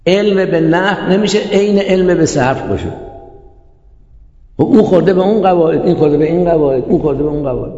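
A man's voice: fairly high pitch, warm tone. A man teaching a class, explaining step by step and checking with rhetorical questions. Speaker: teacher of Islamic jurisprudence. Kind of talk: classroom lecture. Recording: echoey hall, dull lo-fi sound.

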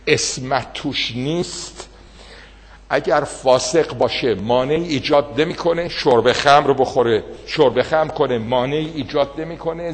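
A man delivers an impassioned sermon in a fairly high voice. His delivery moves between loud outbursts and hushed, low passages. The sound carries a long reverb from a large hall. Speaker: preacher.

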